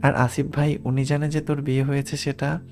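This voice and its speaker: A man's voice: a little high, level tone, brisk, a little mellow, faint music behind, natural voice. A man voicing a frightened, agitated young woman. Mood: anxious. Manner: pleading, urgent.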